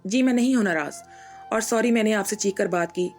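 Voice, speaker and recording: A woman's voice: medium pitch, fairly quick, soft background music, natural voice. A woman voicing an irritable young wife and mother who snaps and scolds, in a storybook reading. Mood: cool. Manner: snappish and scolding.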